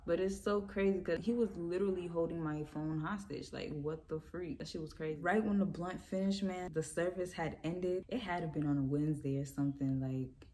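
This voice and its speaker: A woman's voice: fairly low pitch, fairly even intonation, a little fast, hardly any pauses, warm tone, a little hiss or hum. A young woman casually telling a storytime tale, rambling with lots of fillers and laughing as she goes.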